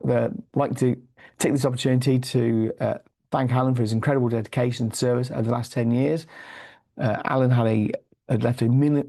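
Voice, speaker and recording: Reading from notes, a man hoarse and gravelly from a cold goes over the week's football league news, stumbling through plenty of fillers and restarts. His voice is medium-pitched with a dark tone.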